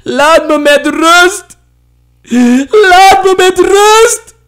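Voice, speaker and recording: Reader doing a young village girl wailing and crying out loud, high and strained, storybook style. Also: drawn-out words, full character voice. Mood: desperate. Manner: crying, shouting. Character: young village woman, distraught and sobbing. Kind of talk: storybook reading.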